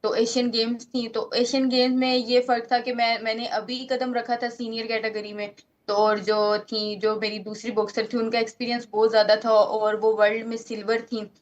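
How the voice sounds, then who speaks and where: A 19-year-old woman boxer from Pakistan with a Pakistani Urdu accent, answering interview questions earnestly, often pausing and restarting. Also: on the high side, level tone, muffled recording. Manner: earnest, halting, many fillers and restarts.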